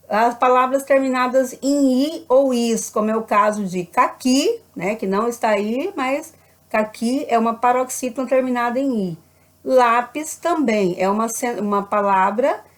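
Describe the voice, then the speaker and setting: A woman with a Brazilian Portuguese accent, a primary school teacher patiently explaining a grammar lesson, often checking in with "né?". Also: a little high. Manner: patient, repeats with frequent "né?" checks.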